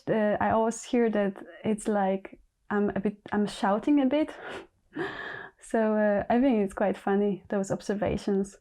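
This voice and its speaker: Her mid-range voice sounds mellow as this knitting podcast host, a native Polish speaker from Poland, talks in a Polish accent. The chat is casual and halting, with many pauses as she thinks aloud.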